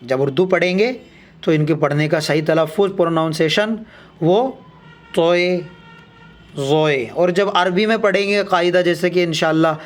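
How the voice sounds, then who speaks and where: A young adult man teaching an alphabet lesson, reciting letters one by one and explaining each slowly and deliberately. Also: sits high. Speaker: Urdu teacher.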